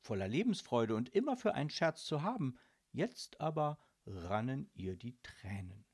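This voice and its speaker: Guy reading a kids audiobook, husky voice, lots of up and down. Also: mid-range voice, normal speed. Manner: warm storytelling, varied and expressive. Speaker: narrator. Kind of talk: scripted children's audiobook narration.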